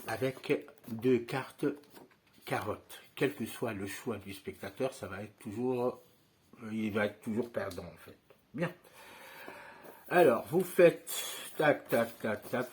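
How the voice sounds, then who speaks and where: A man teaching a card trick step by step, in a chatty manner and often checking in with his listeners. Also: mid-range voice. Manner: conversational, frequent tag questions and fillers.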